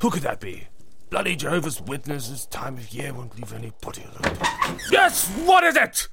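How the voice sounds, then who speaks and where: Man doing a grumpy gravelly miser. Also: mid-range voice, animated, brisk, crowd noise. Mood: indignant. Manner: grumbling, indignant, blustering. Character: grumpy, antisocial old male miser, gamer Scrooge. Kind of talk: comedy sketch.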